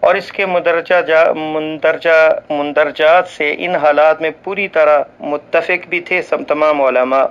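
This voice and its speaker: Man w/ reading out a religious ruling, formal and measured, smooth voice, kinda muffled lo-fi audio. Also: on the high side, steady tone. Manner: formal and measured, with occasional slips and restarts; recites Arabic scripture passages. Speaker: voice-over reader for a religious channel.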